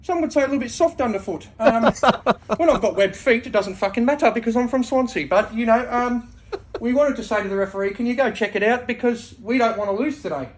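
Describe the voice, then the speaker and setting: A man playing a crude, brazenly corrupt football coach in a mock interview, talking haltingly and deadpan. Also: very high voice. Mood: defensive, cheeky.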